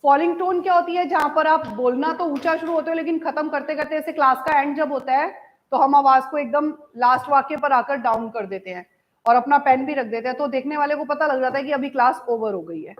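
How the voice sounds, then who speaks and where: High-voiced woman teacher, Indian English. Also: highs cut off. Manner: mixes Hindi and English, asks students "is it clear?", reads lines out slowly; calls students "beta". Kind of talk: online class lecture.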